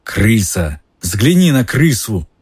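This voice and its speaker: A man reading aloud and voicing a desperate man who growls and rasps his words. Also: on the low side, sing-song, takes it slowly, darkish tone, heavily acted. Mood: growling. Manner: growling, rasping.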